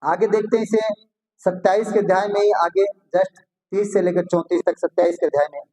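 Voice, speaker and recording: High-voiced man preaching a sermon. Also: steady tone, brisk, dark tone, poor audio. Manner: reads scripture aloud, then explains it with rhetorical questions.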